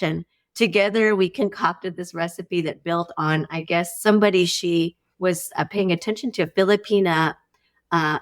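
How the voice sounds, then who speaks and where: An expressive middle-aged woman with a lowish voice appears as a podcast guest; she is a farmer and former academic. Her casual, conversational talk is informal and peppered with "like" and "you know."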